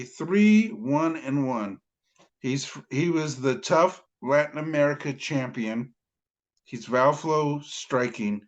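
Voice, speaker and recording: A man co-hosting a casual fight podcast, heated and emphatic, often stammering as he restarts his sentences. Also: medium pitch. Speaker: podcast co-host. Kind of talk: casual MMA podcast chat.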